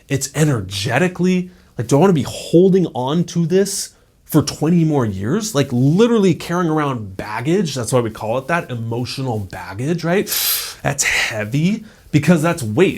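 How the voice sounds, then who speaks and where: Husky and expressive at a medium pitch and normal speed, this man in his thirties talks motivation in a casual, chatty style as a self-improvement YouTuber, with plenty of "like" and "right?" thrown in.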